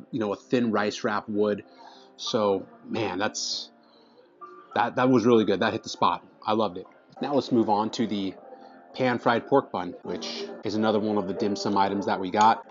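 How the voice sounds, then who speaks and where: Eager and talkative, a male food vlogger in his thirties reviews dishes for the camera from a restaurant table, his voice on the low side and his phrases often restarting as he tastes. The recording, made in an indoor dining room, is somewhat dull, with quiet music audible.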